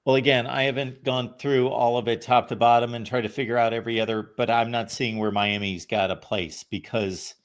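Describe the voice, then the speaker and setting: A man hosting a college football call-in show offers matter-of-fact, step-by-step conversational analysis. His mid-range voice stays fairly even, and he talks fairly quickly with hardly any pauses.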